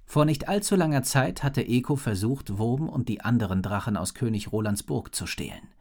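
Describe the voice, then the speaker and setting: A man narrating a children's fantasy story as an audiobook. His mid-pitched voice rises and falls a great deal as he reads, lively and expressive. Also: moderate pace, creaky.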